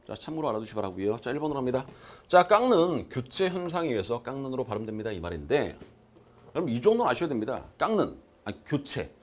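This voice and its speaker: A man's voice: mid-range voice, sing-song, fast. A male exam-prep lecturer giving a recorded class. He talks emphatically, asks his students questions and answers them himself, and repeats key terms to drill them. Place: lecture room.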